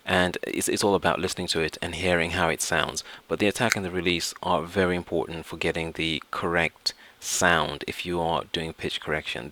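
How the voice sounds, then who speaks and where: Speaking in a low voice, this man presents a step-by-step software tutorial, frequently restating and rewording his phrases while he explains.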